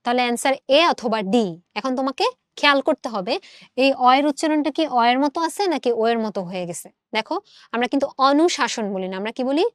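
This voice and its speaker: A woman's voice: high voice, animated, fairly quick, dry recording, clean studio sound. A woman teaching an exam prep lesson, explaining step by step and repeating words aloud to demonstrate them.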